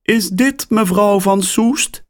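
A man voicing an older lady on the phone who keeps mishearing and turns cross, in a high, shrill voice. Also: slow pace. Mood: confused. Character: confused, short-tempered older lady on the phone.

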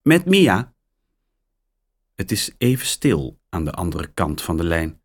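A man reading a children's story aloud in a slow, expressive storytelling manner. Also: sits low, husky. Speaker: narrator.

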